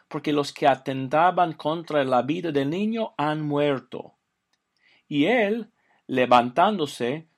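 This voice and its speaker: An older man from the southern United States, a native English speaker, giving a calm, measured recorded Bible lesson for a phone line. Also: a little high. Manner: calm, measured, reads scripture slowly. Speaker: Bible teacher.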